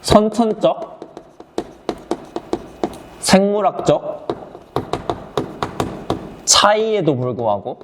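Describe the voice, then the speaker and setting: A male English teacher talks through a reading passage, asking his students questions and answering them himself. His voice sits a little higher than most men's. A faint hiss and a few clicks run under the recording. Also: very animated, drawn-out words, long pauses. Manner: explains sentence by sentence, asks and answers his own questions; switches between English words and explanation, addresses students directly. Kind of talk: online exam lecture.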